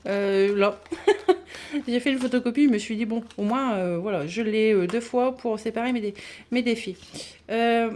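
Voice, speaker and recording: Chatty woman, halting. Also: fairly high pitch, darkish tone, slight background noise. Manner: chatty, hesitant with many fillers and restarts. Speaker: budgeting vlogger. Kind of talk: casual chat showing binders.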